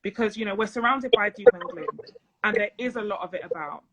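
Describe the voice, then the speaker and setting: A woman, a financial and business coach, talking as a guest on a live phone video chat in a measured, earnest way. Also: medium pitch, lo-fi sound, crowd noise. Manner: measured, earnest, speaks deliberately slower.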